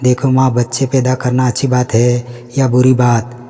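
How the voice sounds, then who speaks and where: A man voicing a calm, educated young daughter-in-law in a storybook reading, polite and reasoning in a level way. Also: medium pitch, moderate pace, big-room sound, close to an everyday voice.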